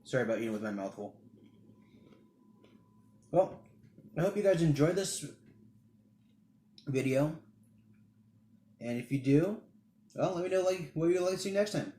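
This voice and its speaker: A man's voice: fairly high pitch, lively intonation, measured pace, long pauses, warm tone. A man hosting a home cooking video, chatting casually and thinking aloud as he works. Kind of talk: casual how-to narration. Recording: echoey room with faint noise.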